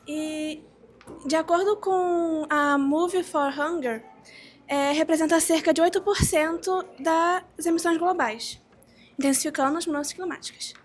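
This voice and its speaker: High-voiced teen girl presenting facts. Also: fairly even intonation, slight background noise. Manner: hesitant, with pauses and fillers. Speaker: student presenter. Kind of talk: classroom presentation.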